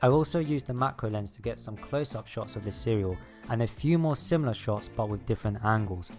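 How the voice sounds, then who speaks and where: Low-voiced man narrating over music. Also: lively intonation, a little fast, darkish tone. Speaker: video creator narrating his own making-of. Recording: music behind the voice. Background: background music.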